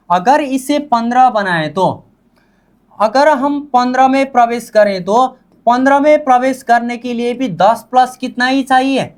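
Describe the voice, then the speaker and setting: A woman teaching a language lesson, asking the same questions again and drilling the answers back, the way a classroom teacher does. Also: fairly high pitch.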